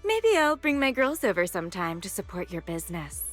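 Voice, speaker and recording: A woman's voice: medium pitch, sing-song, a little fast, faint music behind, lightly acted. A woman playing a snobbish rich young heiress and sorority president in an anime game, condescending and mockingly polite. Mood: smug, disdainful.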